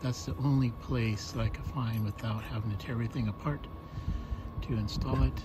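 A man filming a walk-through of his camper trailer on a handheld phone, explaining things in a plain, halting way with many ums and restarts. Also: mid-range voice, fairly even intonation, heavy background noise. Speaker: camper owner showing a solar install. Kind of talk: casual walk-through narration. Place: outdoors and inside a small camper trailer.

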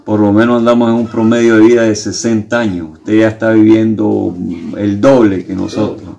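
Low, mellow-voiced male interviewer. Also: level tone, normal speed, vocal fry, reverberant, muffled recording, a little hiss or hum. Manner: hesitant questioning, rephrases questions. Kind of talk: informal interview. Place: small brick room at home.

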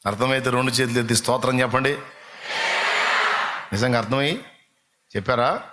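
A man preaching a sermon, passionately asking the congregation rhetorical questions and now and then breaking into slow sung hymn lines. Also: mid-range voice, heavy background noise. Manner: addresses listeners directly with rhetorical questions.

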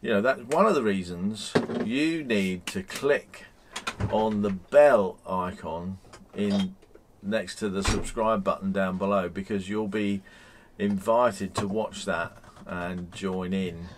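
A man's voice: deep voice, slow pace, background noise. A man in his fifties chatting casually to camera from inside a motorhome, rambling with frequent ums and restarts. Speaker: vlogger. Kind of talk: casual vlog chat.

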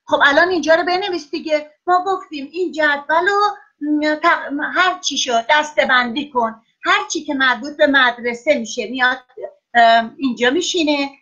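Bright high-voiced woman teaching young children online. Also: lo-fi sound. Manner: encouraging, praises often, stretches words slowly for dictation. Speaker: primary school teacher. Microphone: video call.

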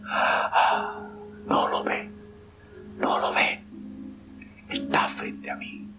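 A man's voice: drawn-out words, music in the background. A man voicing a terrified young woman who sees a ghost, in a faint, hollow whisper.

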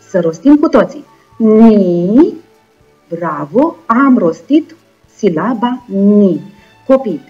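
A young woman with a Moldovan Romanian accent teaches first graders in a video lesson. She speaks slowly and encouragingly, and she breaks words into syllables with a somewhat husky voice. The recording is dull and lo-fi, with faint music underneath. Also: mid-range voice, mellow. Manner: slow, clear, encouraging, spelling words out syllable by syllable. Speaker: primary school teacher.

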